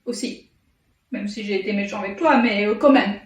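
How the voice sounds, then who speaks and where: A woman's voice: mid-range voice, moderate pace, close to an everyday voice. A woman voicing a sleepy, self-pitying male crocodile in a children's tale for toddlers, groaning and complaining hesitantly. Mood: sad, doubtful. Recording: echoey room, distant from mic.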